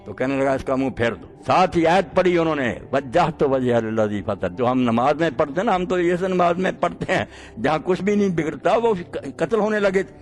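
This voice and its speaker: A man preaching a sermon, impassioned and swinging between quiet and loud delivery. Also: a little high.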